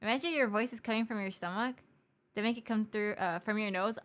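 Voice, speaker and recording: A woman's voice: mid-range voice, brisk. A woman streamer with a stuffy nose, chatting casually and giggling self-deprecatingly into a desk mic. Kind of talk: casual live-stream chat.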